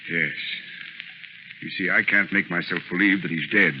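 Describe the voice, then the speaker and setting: A man's voice: sits low, fairly even intonation, moderate pace, close to an everyday voice. A man playing a worried, courteous company president with a polite, downcast manner, in 1940s radio drama style. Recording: dull, noisy old radio recording.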